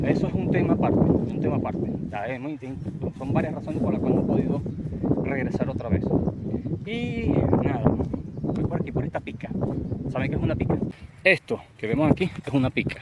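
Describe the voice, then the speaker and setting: Rambling Venezuelan man on a street walk. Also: fairly high pitch. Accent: Venezuelan, llanero. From Portuguesa state, Venezuela. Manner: rambling, restarts, talks to viewers while walking. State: sweating in heat. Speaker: vlogger. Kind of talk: walking vlog, casual chat. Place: outdoors on overgrown urban lots and streets. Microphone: phone mic, handheld. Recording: noisy outdoor phone recording.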